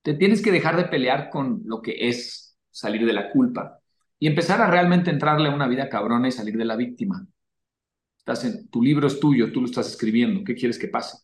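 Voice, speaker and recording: A man giving blunt, profane motivational advice to a caller, forceful and animated. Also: mid-range voice, a little fast, roomy sound. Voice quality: crude, swearing, forceful and animated.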